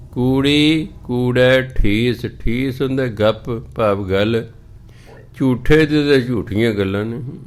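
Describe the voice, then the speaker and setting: A man with a Punjabi accent preaching a scripture exposition, explaining verses and chanting them slowly. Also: lowish voice. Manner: slow, chants scripture lines in a drawn-out cadence. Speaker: religious preacher.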